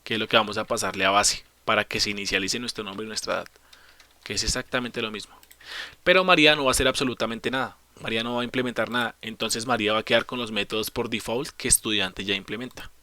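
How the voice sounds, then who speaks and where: A man leads a coding tutorial in a bright, clear voice, explaining each step patiently. He asks rhetorical questions and answers them himself, and fixes his small slips on the fly. Keyboard typing can be heard in the background. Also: lowish voice, fairly even intonation, quick pace, dry recording. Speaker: programming teacher. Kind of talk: screen-recorded coding tutorial.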